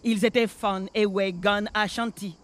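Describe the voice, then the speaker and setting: A restless ghost in a radio drama, haunted and solemn, his voice sitting high for a man. He takes his time over every phrase, unhurried and incantatory, like a storyteller calling up the past. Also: steady tone, a bit bright. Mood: storytelling. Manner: slow, solemn, incantatory delivery.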